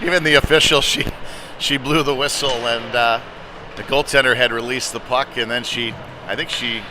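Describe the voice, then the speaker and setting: Speaking at a moderate pace in a mid-range voice, this ex-goalie does live ice hockey play-by-play. His tone is conversational, climbing to excitement on big plays, and the arena's noise comes through clearly in the background.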